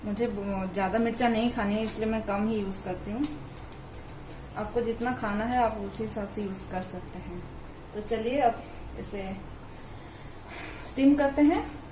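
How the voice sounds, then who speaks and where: A woman's voice: fairly high pitch, noisy background. A woman hosting a cooking channel, explaining each step of a recipe to viewers from her home kitchen. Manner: explains steps plainly, addresses viewers directly.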